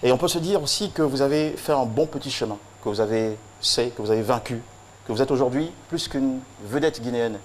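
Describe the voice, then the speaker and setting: A man's voice: medium pitch, a little fast, a little hiss or hum. Solemn declaiming man. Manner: solemn, rhythmic, with emphatic repetition. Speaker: tribute presenter. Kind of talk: declamatory tribute speech.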